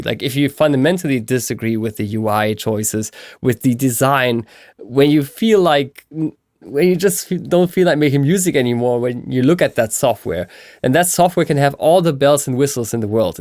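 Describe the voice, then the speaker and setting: A man in his thirties, a software specialist guesting on a podcast, talking casually and with enthusiasm. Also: mid-range voice, animated, normal speed, no room sound, clean studio sound. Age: 30s. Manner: enthusiastic, laughs easily. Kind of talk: casual conversation.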